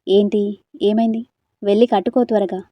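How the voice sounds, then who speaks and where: A woman's voice: mid-range voice, steady tone, moderate pace, dry recording, dull audio, close to an everyday voice. A woman voicing a domineering young man who bosses and belittles his cousin, in an audio story. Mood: bossy. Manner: bossy, contemptuous.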